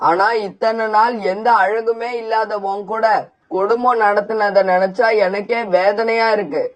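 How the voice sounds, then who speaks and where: A cold father sparrow in a cartoon, voiced by a man, curt and dismissive toward his family. The voice sits high for a man. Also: fairly even intonation, unhurried. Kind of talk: cartoon voice acting.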